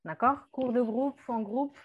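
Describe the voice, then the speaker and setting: A woman teaching Portuguese words in a relaxed French lesson, explaining patiently with many fillers and mixing in Portuguese terms. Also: fairly high pitch, a little slow, breathy edge, narrow, tinny audio. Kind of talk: language lesson chat.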